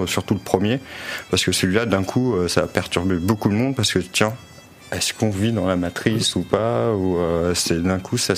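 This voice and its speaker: Low-voiced man musing about films. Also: a little hiss or hum. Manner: rambling, thinks aloud. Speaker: podcast co-host. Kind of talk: casual film discussion.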